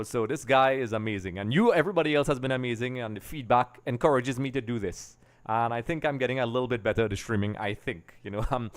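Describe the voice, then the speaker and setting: A livestream host, a middle-aged Trinidadian man, rambles casually to his audience while hosting a football watch-along. His voice is mid-range and clean. He's set up in a small home streaming room with a boom-arm desk microphone.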